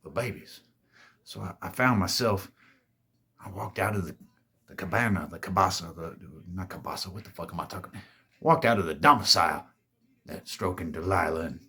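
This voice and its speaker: Hosting his own show, a man with a low, bright, forceful voice and a breathy edge spins a storytime monologue. He rambles in a laid-back, boastful, profane way, correcting himself as he goes and calling his viewers "babies."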